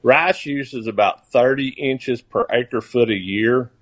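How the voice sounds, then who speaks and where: A man in his sixties with an Arkansas accent, a farmer giving a casual, halting, plain-spoken interview as a guest. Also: medium pitch, a bit bright. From Arkansas, United States. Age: 60s.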